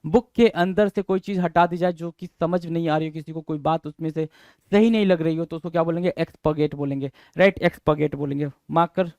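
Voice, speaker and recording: High pitched guy teaching vocab, keeps repeating words and quizzing, dry close sound. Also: fairly even intonation, fairly quick, a little mellow, no echo, lo-fi sound. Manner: drills words, repeats and spells them out, asks students questions. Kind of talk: exam-prep lesson.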